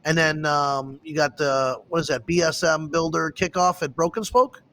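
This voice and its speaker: A man hosting a casual talk show, chatting and telling stories in an excitable, animated way. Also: fairly high pitch, moderate pace. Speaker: host. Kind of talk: casual chat.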